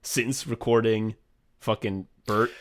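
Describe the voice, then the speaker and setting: A podcast co-host looks back casually on writing and directing an audio drama, rambling, swearing often and saying "like" a lot, with quick bursts of excitement. His voice is on the low side, and there's a little hiss or hum.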